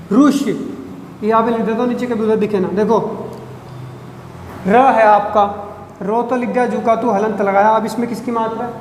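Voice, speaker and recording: A man teaching a grammar lesson at a board, drawing out syllables, repeating them and quizzing his listeners. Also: very high-pitched. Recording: echoey room with long reverb, faint noise.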